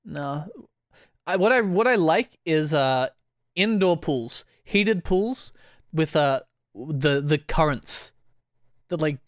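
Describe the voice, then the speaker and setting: A man's voice: fairly high pitch, animated, slow pace, dry recording, clean studio sound. Rambling laughing young man. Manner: rambling storyteller, laughs often, acts out quoted voices. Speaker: podcast co-host. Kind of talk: casual chat.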